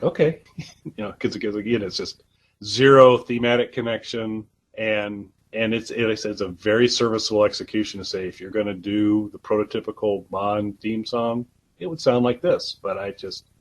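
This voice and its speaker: A man's voice: on the low side, moderate pace, low-quality recording. A man co-hosting a casual album review podcast, talking in a hesitant way with many restarts. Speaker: podcast co-host.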